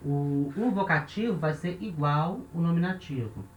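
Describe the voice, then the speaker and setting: A man teaching a recorded lesson in a patient, steady way. He checks in often with short tag questions and slows down to repeat word forms. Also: a little high. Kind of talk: recorded lesson explaining grammar. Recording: echoey room with faint noise.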